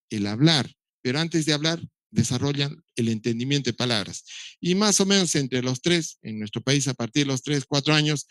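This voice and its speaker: A middle-aged doctor gives a recorded lecture on child development, explaining step by step how children learn to speak. He adds touches of dry humor and imitates baby sounds. His voice is medium-pitched and fairly bright, with no room sound.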